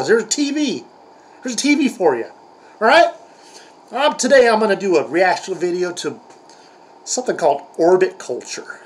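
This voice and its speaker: A man's voice: high voice, rough recording. An older man hosting a comedic reaction video, grumbling and mocking in a crude, profane way. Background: heavy metal music playing.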